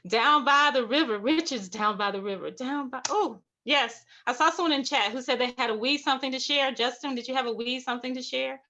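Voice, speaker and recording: A woman's voice: high-pitched, a little fast, few pauses, bright, forceful tone, highs cut off. A woman leading an online writing workshop, encouraging, repeating phrases and laughing often. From Alabama, US South. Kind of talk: guided online workshop teaching. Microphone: video call.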